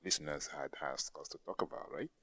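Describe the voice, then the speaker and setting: Deep gravelly man, podcast host. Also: a little fast, a loud crowd. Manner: easygoing, laughs often, rambling asides. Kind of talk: casual chat.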